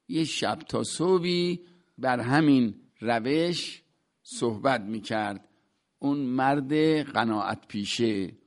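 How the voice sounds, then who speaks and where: A man teaching classical poetry in a conversational lecture, reciting verse lines and then glossing each word in plain everyday speech. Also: medium pitch.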